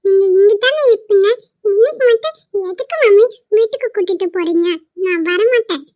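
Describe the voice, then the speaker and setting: Lady doing a whiny little cartoon boy, squeaky high, giggles, dry sound. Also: animated, fairly quick, dark tone, no room sound, highs cut off. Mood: stubborn.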